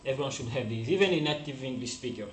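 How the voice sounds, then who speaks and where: A man whose first language is Portuguese chats loosely in English, rambling and laughing at himself. His voice sits at a middling pitch. The recording picks up a roomy echo and a faint hum of ambience. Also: animated, rapid-fire. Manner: rambling, self-mocking, laughs often. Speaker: forex trading vlogger. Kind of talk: casual chat. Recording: echoey room with faint ambience.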